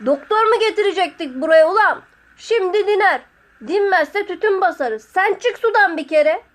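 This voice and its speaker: A woman voicing a short-tempered older male fisherman master who scolds in a rough way. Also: sits high, moderate pace, close to an everyday voice. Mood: scolding.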